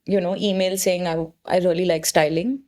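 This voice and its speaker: A woman's voice: lowish voice, fairly even intonation, normal speed, darkish tone. A woman with an Indian accent talking casually as a photographer in conversation, informally mixing in the odd Hindi word. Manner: informal, mixes in Hindi words. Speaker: photographer being interviewed.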